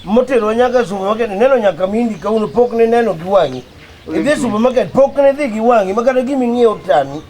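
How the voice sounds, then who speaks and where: A man with a Kenyan accent in a comedy sketch, talking quickly and scheming. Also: high voice, expressive, a little mellow.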